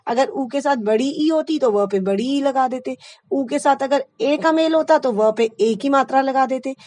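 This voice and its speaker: Woman, high-pitched, patient teacher, explains step by step, dry close sound. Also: normal speed, a little mellow, no room sound. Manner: explains step by step, checks in with "ठीक है". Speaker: Hindi teacher. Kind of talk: classroom grammar lesson.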